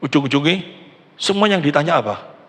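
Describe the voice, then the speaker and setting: A man's voice: a little high, expressive, a little fast, a bit bright. A middle-aged male pastor with an East Javanese Indonesian accent, preaching a conversational sermon, acting out quoted voices and asking the congregation questions. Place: large church hall. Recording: long church hall reverb.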